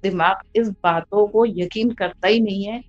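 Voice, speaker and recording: Speaking in a mid-range voice, a mother recounts something that really happened to her. The recording is muffled, and her delivery wanders casually, full of filler words.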